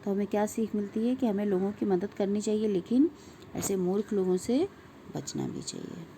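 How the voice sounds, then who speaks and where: A woman's voice: mid-range voice, moderate pace, dark tone, a little hiss or hum. A woman teacher giving a primary-school language lesson, patiently explaining and reciting word lists one word at a time, often prompting her pupils to look. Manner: explains patiently, as if to young children.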